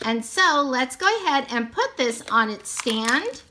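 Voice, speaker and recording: A woman's voice: high voice, expressive, unhurried, sharp tone, a little hiss or hum. A woman narrating a toy unboxing, gushing sweetly and repeating how cute everything is.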